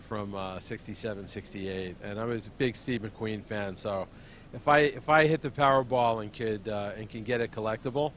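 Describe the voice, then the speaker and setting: A man in casual chat, pausing and hunting for words as he talks. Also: on the low side, steady tone, a bit bright, a little hiss or hum. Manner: hesitant, searching for words. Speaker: car show visitor. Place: busy auto show floor.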